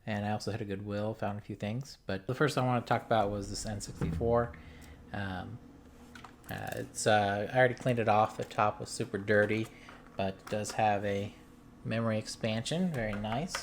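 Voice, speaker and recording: A man's voice: fairly low pitch, fairly even intonation, normal speed, a little hiss or hum. A man from the US Midwest, a game-collecting vlogger, telling a story in casual chat, rambling with lots of ums and restarts. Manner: amused storytelling.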